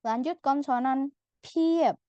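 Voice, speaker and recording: A woman's voice: sits high, takes it slowly, mellow, no room sound. A woman teaching Korean letters in a patient, step-by-step way, sounding out each syllable and repeating it. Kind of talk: slow step-by-step lesson. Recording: slightly dull lo-fi audio.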